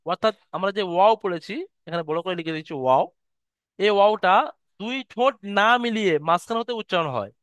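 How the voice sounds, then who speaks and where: A man teaching an online lesson on Arabic letter pronunciation, patiently repeating each sound slowly. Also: high-pitched, clean tone, no room sound. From West Bengal, India. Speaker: Quran recitation teacher. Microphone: video call.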